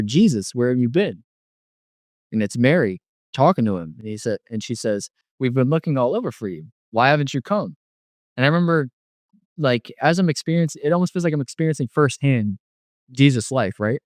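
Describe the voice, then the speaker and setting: Rambling through a personal near-death testimony, a young male guest peppers his storytelling with filler words, especially "like." His voice is medium-pitched, recorded with clean studio quality and no room sound.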